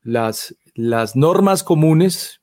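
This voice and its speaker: Guy hosting, wry, slightly high voice. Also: animated, very slow, darkish tone, no room sound. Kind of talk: casual chat.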